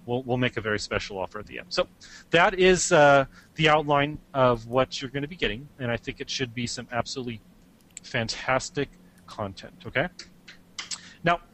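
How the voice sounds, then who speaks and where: Webinar presenter, upbeat chatty man, mid-pitched voice, quick restarting bursts. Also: fairly bright tone, a little hiss or hum, poor audio.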